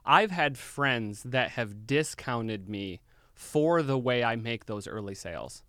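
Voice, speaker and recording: A young man telling a story in casual chat, animated and swearing freely. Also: medium pitch, takes it slowly, clear, resonant tone, no room sound, studio quality. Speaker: podcast guest.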